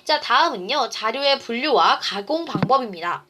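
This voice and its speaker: A woman's voice: a little high, expressive, moderate pace, sharp tone. A teenage girl tutoring in a casual online lesson, explaining step by step, repeating key phrases and asking the viewer questions. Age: teens. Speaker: student tutor.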